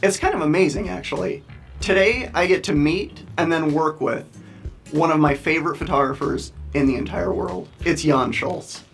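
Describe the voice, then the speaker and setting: A man's voice: fairly high pitch, normal speed, faint music behind. A man, a photographer, talking eagerly and earnestly in an interview confessional.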